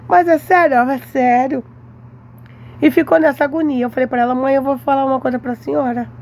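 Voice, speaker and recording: Brazilian woman, high gravelly voice, animated storyteller, devotional testimony, faint noise behind. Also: fairly quick. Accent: Brazilian Portuguese. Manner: lively storytelling, acts out her mother's lines.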